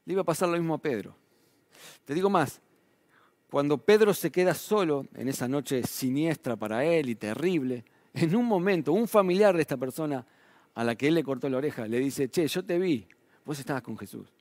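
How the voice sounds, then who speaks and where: A slightly high, expressive and darkish male voice delivers a sermon at normal speed, with no echo. The pastor speaks with a Rioplatense Spanish accent, chatting conversationally, using many tag questions and swinging his intonation for emphasis.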